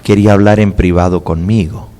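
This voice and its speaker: A male preacher delivering a sermon, emphatic and measured, telling a pastoral story. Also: low voice, steady tone, dark tone. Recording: long hall reverb.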